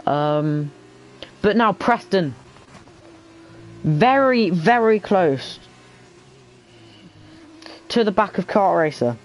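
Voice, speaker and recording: A man giving casual lead commentary on an online racing league, sometimes halting as he thinks aloud between calls. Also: high voice, animated, rough recording. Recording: faint background noise.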